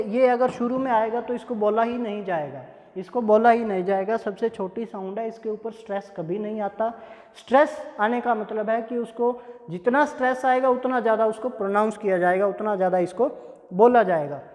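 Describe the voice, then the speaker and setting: A man teaching English pronunciation in a classroom-style lesson, speaking deliberately and repeating example words so they can be drilled. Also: sits high. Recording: echoey room with long reverb.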